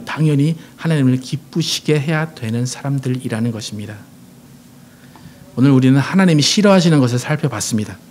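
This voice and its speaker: A man's voice: mid-range voice, a little mellow, a little hiss or hum. A middle-aged man preaching a Sunday sermon as pastor, earnest, often asking his congregation questions and reading scripture aloud with emphasis.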